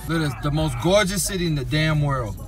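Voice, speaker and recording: Hype barber guy vlogging in the shop, jokes around a lot, loud music blasting behind. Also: fairly high pitch, fast. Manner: excitable, joking, laughs often. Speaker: barber vlogger hosting a training event. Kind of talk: casual vlog chat. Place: barbershop, indoors.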